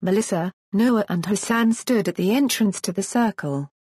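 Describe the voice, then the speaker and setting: A woman narrating a fantasy storybook in a measured, even reading voice. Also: mid-range voice, husky, no echo, studio quality. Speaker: audiobook narrator.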